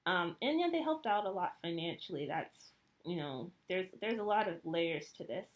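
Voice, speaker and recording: A woman's voice: on the low side, animated, moderate pace. A woman in her thirties from the United States, giving a reflective personal monologue in a hesitant way with many fillers and restarts. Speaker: vlogger.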